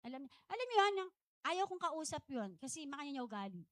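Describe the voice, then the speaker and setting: Very animated and a little fast, this middle-aged woman pastor from the Philippines preaches with a high-pitched, slightly bright voice. Her conversational sermon digresses constantly, packed with chatty asides and her own laughter. The recording is dry.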